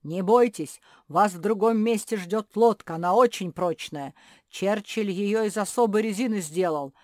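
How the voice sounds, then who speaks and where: A woman voicing a big, kind male bear who shouts reassurance to rescue friends in a storybook. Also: mid-range voice, normal speed, no echo, studio quality, close to an everyday voice. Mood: shouting, reassuring.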